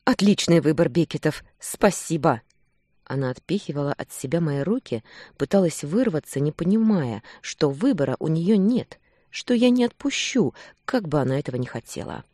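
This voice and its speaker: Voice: medium pitch, sing-song, moderate pace, mellow, no room sound, clean studio sound. An audiobook reader narrating a first-person romance with intense, emotional delivery.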